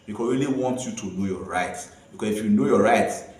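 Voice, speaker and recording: A man's voice: fairly low pitch, fast, darkish tone. A man with a Nigerian accent co-hosting an impassioned civic discussion in Nigerian Pidgin, making his points emphatically and repeating them for force. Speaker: co-host of a citizens' rights programme. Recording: echoey room, distant from the mic.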